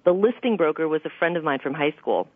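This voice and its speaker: A woman's voice: low-pitched, lively intonation, fast talker, slightly rough, no room sound. Middle-aged woman, radio guest telling her story, narrow telephone sound, very dry. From Queens, New York City. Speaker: real estate broker, interview guest. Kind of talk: conversational radio interview. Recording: muffled phone-like radio line.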